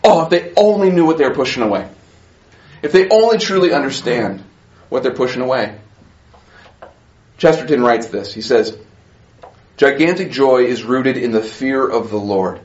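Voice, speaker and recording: A man preaching a sermon as pastor, passionate, swinging between soft asides and rising emphasis. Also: mid-range voice, normal speed, long pauses, reverberant, lo-fi sound.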